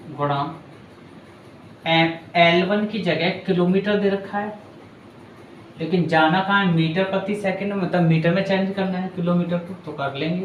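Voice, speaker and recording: A man's voice: high voice, muffled recording, slight background noise. Chatty male teacher in an echoey room. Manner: patient, chatty, addresses students as bhaiya and beta. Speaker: physics teacher. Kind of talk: board lesson explaining a numerical.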